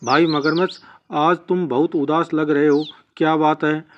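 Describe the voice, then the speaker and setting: A small storybook earthworm speaks earnestly to his big friend, voiced by a male narrator. The tone is a touch high. The sound is dull and lo-fi. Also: steady tone, unhurried, slight background noise, close to an everyday voice. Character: sly little earthworm, crocodile's loyal friend. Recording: dull lo-fi recording.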